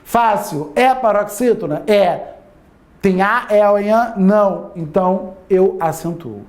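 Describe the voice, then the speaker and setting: A man with a high, slightly mellow voice teaches Portuguese grammar at a somewhat slow pace. He constantly poses rhetorical yes-or-no questions to his listeners and stretches out key words for emphasis.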